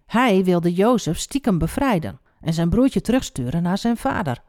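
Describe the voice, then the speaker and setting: A woman telling a Bible story to children, expressive and speaking directly to the young listener. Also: fairly low pitch, normal speed, no room sound, clean studio sound.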